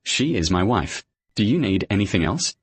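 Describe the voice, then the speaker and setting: Low, husky, devoted husband. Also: male voice, sing-song, moderate pace, dry recording. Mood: reserved. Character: reserved, devoted husband, a ledger-keeping manager. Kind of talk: English dub of a period drama.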